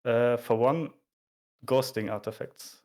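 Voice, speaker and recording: A man explaining things informally in a casual chat, in a somewhat halting, hesitant way. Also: mid-range voice, steady tone, darkish tone. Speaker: explainer of video game graphics.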